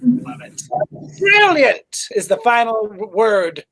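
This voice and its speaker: A woman's voice: on the high side, big pitch swings, slow pace, fairly bright tone, rough recording. A woman hosting a livestreamed theater cabaret, chatting in a bubbly way and reading out viewer comments. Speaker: host of a livestreamed cabaret show. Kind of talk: casual live-stream chat.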